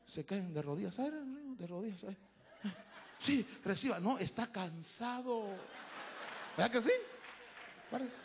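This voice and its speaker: A man preaching a sermon as a pastor, swinging between loud shouted lines and hushed asides, with a Central American Spanish accent. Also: high-pitched, expressive, a little slow, gravelly, long pauses, slight background noise.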